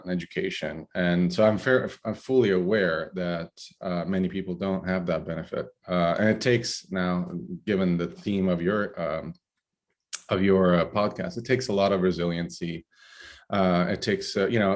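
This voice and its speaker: A middle-aged man from Italy with an Italian accent, a podcast guest talking haltingly with many fillers and restarts. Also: sits low. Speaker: guest, climate researcher. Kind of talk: podcast interview.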